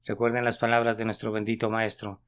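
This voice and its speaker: A man reading a sermon aloud with an earnest, measured preaching delivery. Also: fairly low pitch, completely flat delivery, fairly bright tone. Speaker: sermon reader.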